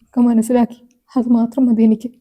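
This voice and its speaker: A young woman playing a gentle, hurt daughter-in-law who speaks softly and pleads to be understood. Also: a little high, little pitch movement, a little fast, lightly acted. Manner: soft, pleading, apologetic.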